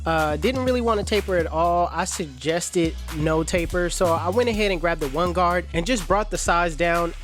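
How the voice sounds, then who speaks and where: A man's voice: high voice, moderate pace, hardly any pauses. A man who is a barber hosts a casual haircut tutorial, talking in a laid-back, slangy, chatty way in his shop. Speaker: barber and channel host. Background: music.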